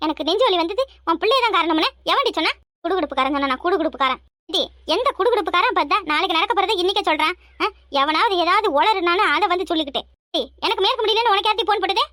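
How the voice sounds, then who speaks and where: A woman doing a bossy, anxious village mother-in-law past sixty for a cartoon, with a Kanyakumari Tamil accent. Her very high voice rattles off its worries and scoldings quickly, and the recording is dry and close. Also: expressive, sharp tone, no room sound, heavily acted. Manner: fretful, scolding. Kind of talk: cartoon voice acting.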